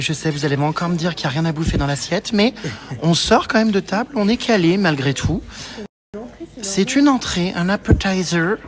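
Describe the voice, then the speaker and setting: A man vlogging on his travels, chatty and teasing, excitable, filming on a handheld camera. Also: high voice. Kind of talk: travel vlog narration.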